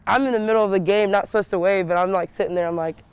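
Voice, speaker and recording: A young woman softball player talking casually in an interview, with lots of "like" fillers. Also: medium pitch, fairly even intonation, rapid-fire, smooth, no echo.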